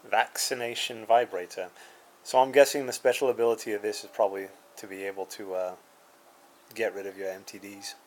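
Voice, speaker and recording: A man's voice: fairly low pitch, fairly even intonation, fairly quick, slight background noise, poor audio. A man casually reviewing a card game, reading card names aloud with dry asides and chuckles.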